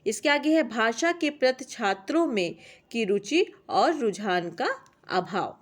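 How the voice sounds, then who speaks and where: A young woman teaching a class on language teaching, reading out lists of points in a steady classroom manner. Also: fairly high pitch, measured pace. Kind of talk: exam-prep lecture reading out points.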